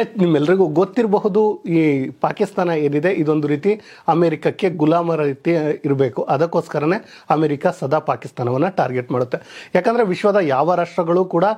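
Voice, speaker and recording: A man delivers a scripted news commentary in a somewhat high, husky voice with a mellow, dark tone. He keeps calling out to the viewers as friends, pushing his key points up in sudden emphatic bursts. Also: moderate pace. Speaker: news presenter.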